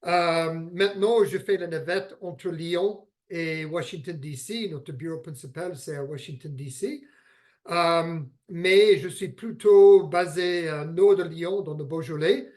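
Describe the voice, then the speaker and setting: American guy presenting in french on a video call, higher voice, lots of euhs. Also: a little mellow. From United States. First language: English. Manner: halting, many fillers and restarts. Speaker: guest speaker. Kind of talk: online business presentation.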